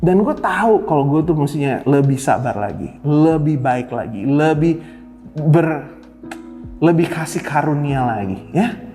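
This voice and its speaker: A male pastor gives a casual online sermon, slangy and playful, slipping in English phrases. His fairly high, expressive voice is a little slow and dark-toned, heard with long reverb and faint music.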